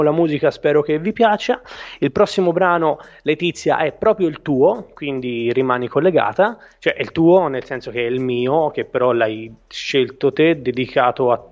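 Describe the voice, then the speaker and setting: A man hosting a casual live radio show from a small room at home, talking in a halting, rambling, self-correcting way. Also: a little high. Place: small room at home, not a proper studio. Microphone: home microphone with headphones. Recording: dull small-room home broadcast, slight echo.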